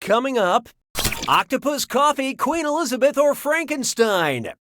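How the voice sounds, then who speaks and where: A man's voice: extremely high pitch, very animated, unhurried, exaggerated voice. A man playing a neurotic, lonely quiz game host, with theatrical, wry, scripted comedic delivery. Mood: showy. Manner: theatrical, wry, swinging between announcing and awkward asides. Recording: loud music behind the voice.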